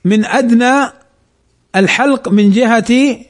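A man teaching Quran recitation rules, asking questions and slowly drawing out recited examples. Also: extremely high pitch. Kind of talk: slow Tajweed lesson.

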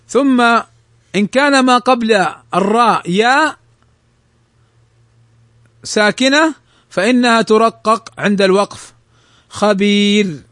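A man with a high voice teaches the rules of Quran recitation. He explains each rule step by step and slows down to recite and repeat the example words. The recording is close and dry, with no room sound. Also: a bit bright, no room sound. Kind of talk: lesson on tajweed rules.

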